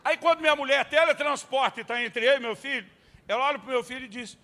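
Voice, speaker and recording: A male pastor delivers a humorous sermon full of family anecdotes. His voice is high and bright. He tells stories in an animated way and breaks into loud shouts at the punchlines. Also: fast talker.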